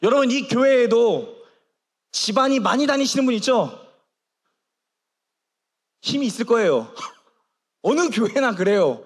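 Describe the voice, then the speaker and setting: A male pastor preaching a sermon in a church, telling stories with animated acted-out dialogue. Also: very high-pitched, unhurried, pauses often. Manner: animated storytelling, acts out quoted dialogue. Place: church sanctuary. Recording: long reverb of a church hall.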